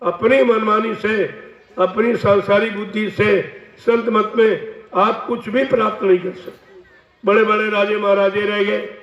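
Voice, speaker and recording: A man with a high but flat voice delivers a devotional sermon slowly, warning his listeners. He speaks from some distance away from the mic. The recording is dull and lo-fi, with heavy echo from a large hall. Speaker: spiritual teacher.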